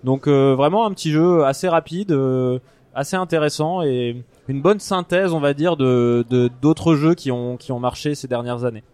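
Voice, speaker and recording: A man's voice: medium pitch, normal speed, darkish tone, clean tone, dry recording. A man giving a casual board game review as a podcast panelist, searching for his words as he explains.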